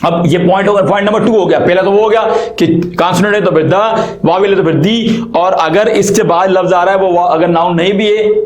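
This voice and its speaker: Male English tutor, high voice, echoey room, asks and answers his own questions. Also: fairly even intonation, fairly quick, hardly any pauses. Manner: repeats questions to the viewer and answers them. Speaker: English teacher. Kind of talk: explaining grammar lesson.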